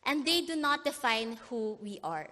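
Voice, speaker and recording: A young woman delivers a commencement address in a high, bright voice. She is earnest and moved, at times pausing to steady herself. Her words carry a long echo through a big convention hall. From born in Korea, raised in the Philippines. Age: young adult. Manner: earnest, emotional, pausing and apologizing as she chokes up. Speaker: graduation speaker. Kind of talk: commencement speech. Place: large convention plenary hall.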